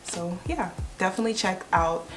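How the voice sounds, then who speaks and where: A woman's voice: fairly low pitch, moderate pace, slight background noise. A young woman chatting casually to her viewers about home decor finds, enthusiastic and informal. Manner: chatty, enthusiastic, addresses viewers as "you guys". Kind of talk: casual vlog chat.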